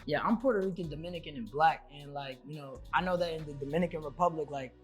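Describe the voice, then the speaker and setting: A man's voice: a little high, fast talker, soft background music. A young man from Long Beach, California, a rapper guest in a casual interview, earnest and rambling, often saying "you know what I'm saying".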